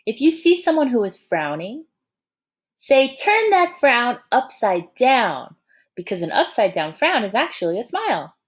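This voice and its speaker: With a fairly high, husky voice, a woman reads a picture book aloud to little ones in a teacherly style. Her delivery is lively and supportive, and she pauses for questions and side comments.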